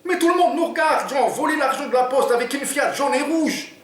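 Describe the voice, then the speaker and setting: A man voicing a clumsy, anxious young male robber in a storybook reading, with a squeaky, alarmed way of asking questions. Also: expressive, brisk, fairly bright tone. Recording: echoey room, distant mic, faint noise.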